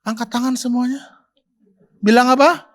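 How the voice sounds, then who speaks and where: A male pastor preaching a sermon, speaking straight to his congregation, moving from loud exhortation to soft, intimate quotes. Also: very high voice, fairly even intonation, moderate pace. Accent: Indonesian. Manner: addresses congregation directly, asks them questions.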